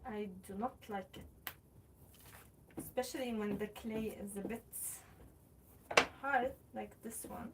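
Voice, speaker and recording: Slow-talking Swedish woman, a bit off-mic. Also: medium pitch, fairly even intonation, distant mic, very noisy. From Sweden. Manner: chatty, reads viewer comments aloud while working clay. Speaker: pottery livestream host. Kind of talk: casual livestream chat. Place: warm pottery studio room with a kiln. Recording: faint room ambience, voice somewhat off-mic.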